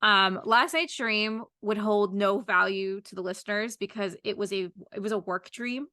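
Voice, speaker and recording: A woman's voice: mid-range voice, moderate pace, bright, forceful tone, no room sound, studio quality. A woman in her thirties hosting a casual chat podcast, rambling with lots of fillers. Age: 30s. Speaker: podcast host.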